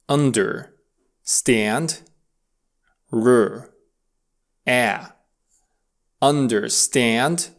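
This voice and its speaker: A man leading an audio lesson on English pronunciation. He gives quick instructions and then draws out the model words slowly. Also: medium pitch. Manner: slow, drawn-out model words between brisk instructions.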